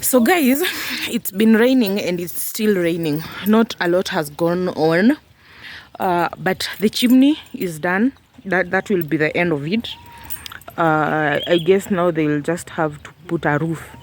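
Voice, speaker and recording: A woman's voice: on the low side, measured pace, a little hiss or hum. A woman vlogging casually from a house building site, rambling with fillers and talking around a candy in her mouth. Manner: chatty, rambling, with fillers and laughs. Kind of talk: casual vlog narration.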